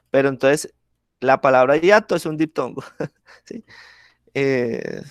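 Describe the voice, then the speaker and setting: A man's voice: mid-range voice, no room sound, studio quality. A man teaching a class, explaining step by step with examples and often checking that students follow. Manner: keeps checking in with the class, asking ¿listo? and ¿sí?. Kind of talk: online class lesson.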